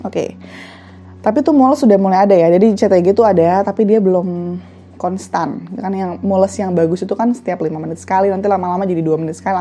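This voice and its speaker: A woman's voice: mid-range voice, dark tone. A young woman vlogger chatting casually through a personal story, with many fillers and asides.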